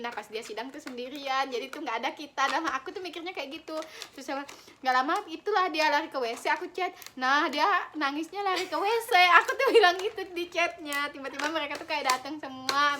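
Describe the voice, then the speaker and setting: Bright high-voiced young woman storyteller. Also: a little hiss or hum. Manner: animated, acts out quotes, laughs often. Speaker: friend telling a story. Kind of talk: casual storytelling chat.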